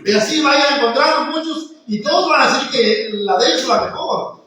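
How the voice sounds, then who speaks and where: A man's voice: very high-pitched, a little fast, sharp tone. A man preaching a sermon in a conversational way, often calling his congregation brothers. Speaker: pastor. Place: church hall. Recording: echoey church hall, from far off.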